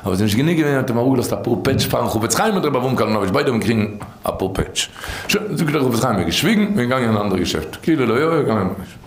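A man telling a rabbinic tale in a rambling way, with many restarts and repeats, dropping low and then rising. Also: very animated, racing. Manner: rambling, many restarts and repeats, swings between low murmurs and high bursts. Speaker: storyteller. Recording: roomy echo.

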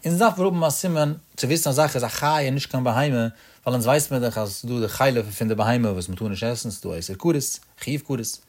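A man gives a religious law lesson at a middle pitch. He teaches in a sing-song study cadence that rises on his rhetorical questions, then drops back to explain. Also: fairly quick, a little mellow.

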